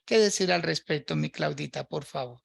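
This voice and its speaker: Male pastor, very gravelly voice, slow earnest sermon delivery, dry close sound. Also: fairly high pitch, no echo. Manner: slow, earnest preaching with prayer. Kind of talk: sermon in dialogue.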